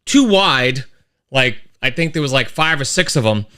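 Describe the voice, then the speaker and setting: Animated, bright-voiced man. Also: medium pitch, normal speed. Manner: animated storyteller, rambling with restarts and sound effects. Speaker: host of a weekly live-stream show. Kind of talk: casual monologue to a live chat.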